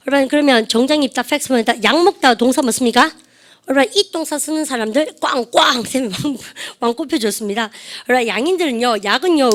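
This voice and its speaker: A woman teaching English in a classroom who drills phrases and has students repeat them. She says her model sentences slowly and draws them out. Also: high-pitched, fairly bright tone. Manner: slow, drawn-out model sentences. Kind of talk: classroom lecture.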